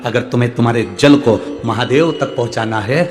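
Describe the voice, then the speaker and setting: A man's voice: medium pitch, a little fast, soft background music. A male preacher from central India gives a devotional sermon to a live crowd on a stage mic. He answers listeners' letters with homely examples and urges the crowd to call back. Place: large outdoor stadium gathering.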